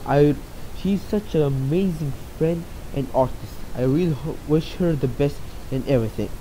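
In casual replies to interview questions read aloud, a young Saudi artist rambles, restarting often and using plenty of fillers. He speaks at a moderate pace with a fairly high pitch and warm tone. The audio is poor and has slight background noise.

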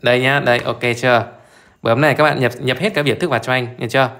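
In a live exam solution walkthrough, a man teaching math keeps a mid-range voice with fairly even intonation and a slightly bright quality. He's quick and casual, constantly stopping to ask if everyone's following and repeating brief prompts.

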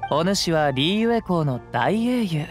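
A male actor playing a gentle, poetic young wandering samurai in a video game, speaking calm, measured, old-fashioned samurai Japanese. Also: fairly high pitch. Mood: calm, assured. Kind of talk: scripted game dialogue. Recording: clean voice over background music.

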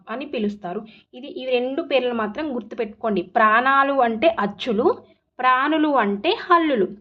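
A woman's voice: sits high, dull audio. Woman teacher drilling her own questions. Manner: repetitive drilling, asks and answers own questions. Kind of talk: exam-prep lesson.

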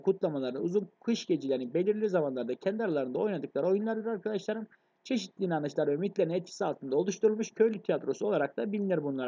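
Here a man with a fairly high, mellow voice gives a literature exam review lecture in lo-fi audio. His delivery is fast and friendly toward the students, with frequent checks that they understand.

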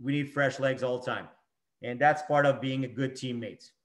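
A middle-aged hockey coach talks through game video clips in short, emphatic phrases, repeating his key points. His voice is medium-pitched and his pace moderate.

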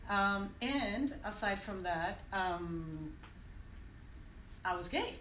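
A Venezuelan woman in her forties, a native French speaker, gives a reflective personal talk as a conference speaker in a university classroom, pausing, hesitating and restarting often. Her mid-range voice is expressive and fairly bright. A phone in the audience recorded her at a standing mic from far off, so the room echoes with slight hiss or hum.

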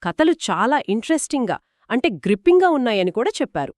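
A woman's voice: a little high, very animated, fast talker, darkish tone, dry recording, clean studio sound. A woman co-hosting a book discussion podcast, explaining and summing up reader reviews. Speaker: podcast co-host.

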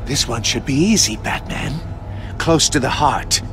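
An actor playing a sadistic, pompous older supervillain in a video game, taunting with theatrical relish. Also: male voice, mid-range voice, animated, measured pace, music in the background, lightly acted. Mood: mocking cruelty. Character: gloating sadistic older male riddle-obsessed supervillain. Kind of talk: video game villain acting.

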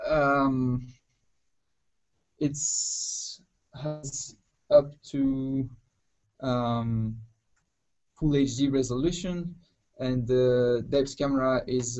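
Slow, halting male presenter. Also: medium pitch, darkish tone, rough recording. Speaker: technical presenter. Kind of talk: unscripted technical presentation.

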